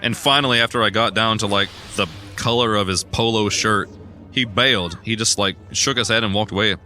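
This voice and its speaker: A young man casually narrating a video game, rambling through a personal story with sudden loud outbursts. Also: fairly low pitch, fairly quick. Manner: rambling, chatty storytelling with bursts of loud excitement. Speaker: gaming streamer. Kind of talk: casual let's play commentary.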